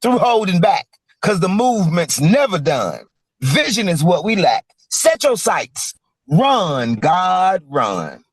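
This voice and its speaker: A man performing a rhythmic spoken word poem in a half-sung delivery, with a husky voice. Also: high-pitched, very animated, slow, no echo.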